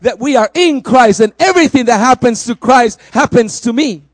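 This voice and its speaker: A man from El Salvador preaching a sermon, rising to loud exclamations and dropping soft for personal testimony. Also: very high voice, expressive, moderate pace, dry recording.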